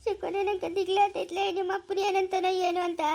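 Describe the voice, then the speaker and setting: A woman with a Chikkaballapur Kannada accent, performing in a homemade village family drama. Her voice sits very high and her lines come fast. She sounds anxious and pleading one moment and scolding the next. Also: flat delivery, darkish tone.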